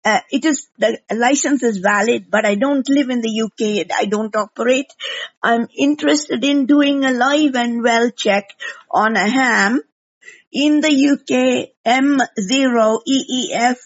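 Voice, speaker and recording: Brief: woman caller on a landline, higher voice, halting and careful, muffled lo-fi line. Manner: hesitant, halting, spells out call signs. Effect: heard over a landline phone. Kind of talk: voicemail message.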